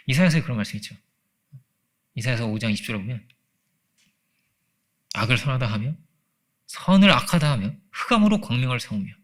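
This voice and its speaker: A man pastor preaching a conversational Sunday sermon in a church, asking his listeners rhetorical questions and acting out quoted voices. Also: mid-range voice. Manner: acts out quoted voices, laughs often. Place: church sanctuary.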